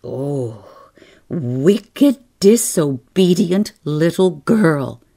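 A woman's voice: low-pitched, expressive, drawn-out words, vocal fry, mellow, heavily acted. A woman voicing a stern, proud adult aunt who scolds children in a cold, furious voice. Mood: bitter.

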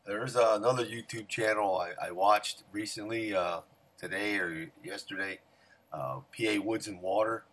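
A middle-aged fishing vlogger with a fairly low-pitched voice offers excited, folksy commentary while fishing beside a creek. He wears a head-mounted action camera, and loud rushing water fills the outdoor recording.

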